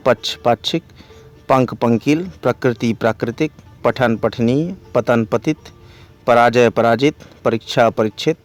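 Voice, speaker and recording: A man gives a grammar lesson by reading out pairs of words in a slow, even rhythm. His voice sits at an ordinary middle pitch. He moves through the list methodically, leaving clear gaps between the items. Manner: slow, steady listing of word pairs. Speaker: Hindi grammar teacher. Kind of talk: reciting word lists in a lecture.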